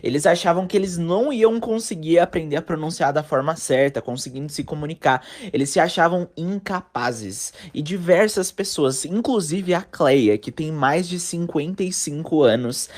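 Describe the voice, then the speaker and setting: A man with a Brazilian Portuguese accent teaching English pronunciation in an online lesson, repeating English words slowly for learners. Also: a little high.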